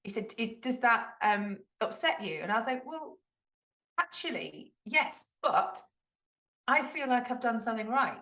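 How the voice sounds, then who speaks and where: Woman, 40s, podcast co-host; animated storyteller who plays out the quotes. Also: a little high, normal speed, reverberant. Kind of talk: casual chat.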